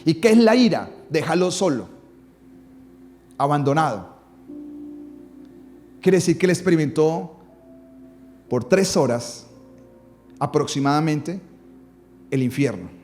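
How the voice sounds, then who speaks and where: A man's voice: on the high side, expressive, slow, pauses often, darkish tone, faint music behind. A man preaching a sermon as pastor, dramatic, with his voice rising and falling for emphasis.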